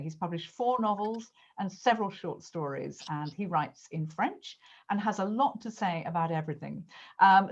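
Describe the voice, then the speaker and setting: A woman hosts an interview with an author, her voice sitting at an ordinary middle pitch. She sounds effusive and emphatic as she leans on her words of praise. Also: a little mellow. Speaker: interviewer and host. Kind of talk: enthusiastic interview.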